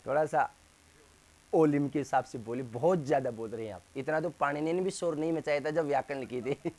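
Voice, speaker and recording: A man whose voice sits on the high side, with a darkish tone, is giving a Hindi grammar lesson in class. Going slowly through the letter sounds one by one, he asks questions and supplies the answers himself.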